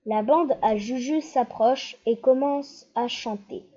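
A woman narrating a children's storybook with a gentle, expressive reading. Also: a little high, slow pace. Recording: slightly dull lo-fi.

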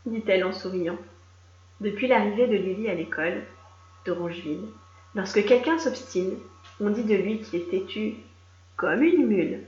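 Animated woman reading a children's story. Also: medium pitch, moderate pace. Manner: lively, animated, does character voices. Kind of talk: children's story read-aloud. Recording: echoey room, dull lo-fi sound.

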